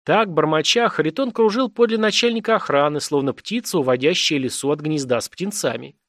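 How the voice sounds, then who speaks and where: Male audiobook narrator, measured and dramatic, slightly high voice, very dry studio. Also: fairly bright tone, no echo. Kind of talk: scripted narration.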